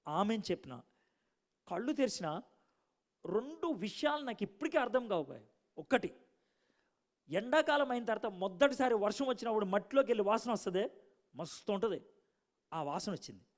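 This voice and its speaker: A man preaching a sermon, telling his own story and acting out the dialogue, moving from shouts to hushed lines. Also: sits high, big pitch swings, fairly quick, pauses often. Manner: dramatic, acts out dialogue, swings from shouting to hushed. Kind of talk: sermon with personal testimony.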